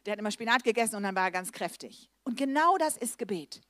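A middle-aged woman evangelist delivers a lively sermon at a quick pace. She swings back and forth between loud emphasis and soft, low asides.

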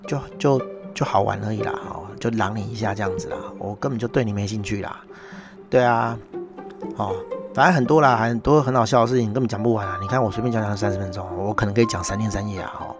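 Man, middle-aged, Taiwanese Mandarin accent, sarcastic monologue, low voice, steady music behind. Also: fast talker. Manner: sarcastic, mocking rant with constant tag particles. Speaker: podcast host. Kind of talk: casual monologue.

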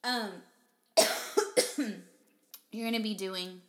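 Speaking extremely slowly, this vlogging wife has a steady, fairly bright, mid-range voice. She chats casually with her husband, chatty and giggly, wandering off topic a bit.

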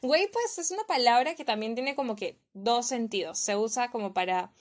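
A woman's voice: on the high side, animated, moderate pace. A young woman from Peru with a Peruvian Spanish accent, teaching slang in a playful, casual vlog style and repeating each word to drill it.

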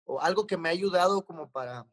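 A man's voice: high voice, animated, quick pace, husky, dry recording. A man with a Mexican accent, a rapper talking casually as a guest and telling stories in sweary street slang. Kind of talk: casual chat, storytelling.

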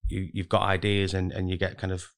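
Low voiced guy being interviewed, pretty monotone, casual and rambly, hedges a lot. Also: a little fast, vocal fry. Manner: rambling, heavily hedged with kind of and really. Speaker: podcast guest, recruitment manager.

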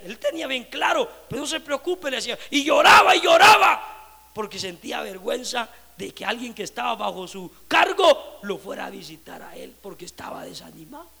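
High, gravelly shouting preacher man. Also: long reverb tail. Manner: preaching, swings from soft murmurs to loud shouting. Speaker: pastor. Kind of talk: sermon. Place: church.

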